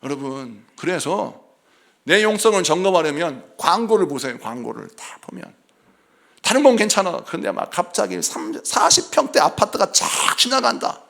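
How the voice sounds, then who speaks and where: A middle-aged senior pastor preaching a revival-style sermon in a church, swinging between shouted lines and soft asides and joking with the congregation. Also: male voice, sits high, sing-song, moderate pace, creaky. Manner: jokes and laughs with the congregation. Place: church sanctuary.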